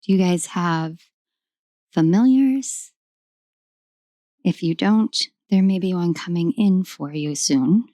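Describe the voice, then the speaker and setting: A hoarse woman with a low, dry, dark voice speaks slowly and pauses often, in a dry recording. She's a tarot reader doing a casual reading to camera in a room at home, rambling affectionately, saying "um" a lot and talking to her pets.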